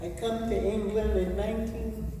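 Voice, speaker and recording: An older woman from Barbados with a Barbadian accent, telling her story to an audience in a blunt, forceful way. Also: medium pitch, fairly even intonation, normal speed, background noise. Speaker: audience member sharing a story. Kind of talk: spoken recollection. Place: large echoey church hall. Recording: distant voice in echoey hall.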